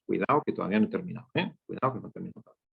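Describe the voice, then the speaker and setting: Deep, gravelly and slightly breathy, the instructor's voice comes out animated and rapid-fire as he explains a screen-share coding lesson step by step. This data teacher checks in almost constantly with "¿eh?" and "¿ok?", over a dull, lo-fi recording.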